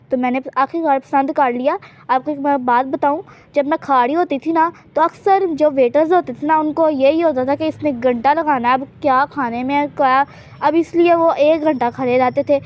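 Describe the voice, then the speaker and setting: A woman's voice: sits high, moderate pace, muffled recording. A woman casually narrating a life-sim game in character, chatty and teasing, often hinting at secrets she won't share. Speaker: gameplay channel host.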